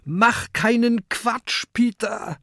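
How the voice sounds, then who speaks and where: In a children's story, a narrator gives voice to a young fire dragon who sounds worried. The full character voice is pitched higher than the narrator's natural one, mid-range overall, sing-song, bright and forceful, delivered slowly. The recording is clean studio sound with no echo.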